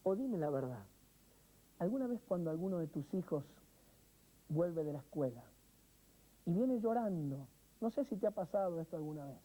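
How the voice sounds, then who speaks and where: A man's voice: fairly high pitch, animated, moderate pace, pauses often, warm tone, poor audio. A male pastor preaching a sermon, speaking expressively, asking the listener questions and telling everyday stories. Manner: storytelling with everyday examples.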